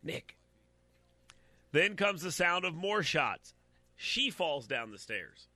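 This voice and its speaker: Speaking slowly in a high-leaning, sing-song voice, a man reads a news story aloud and offers blunt opinions directly to his listeners. He trips over repeated words, and his tone is pushed and bright. The sound has no echo.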